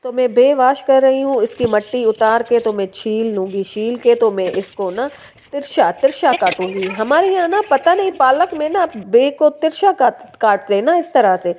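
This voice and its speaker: A woman's voice: fairly high pitch, expressive, moderate pace, muffled recording, slight background noise. A young woman, from Sindh, chatting to her viewers in a casual home vlog voice-over. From Sindh, Pakistan. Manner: chatty, addresses viewers warmly with fillers. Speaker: home vlogger. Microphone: phone.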